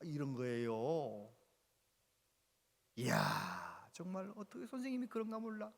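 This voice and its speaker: A man preaches in a sanctuary, telling his story with lively exclamations. His voice sits high. The sound carries a long, reverberant church-hall tail. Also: a little slow, vocal fry. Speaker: pastor. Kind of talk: sermon storytelling.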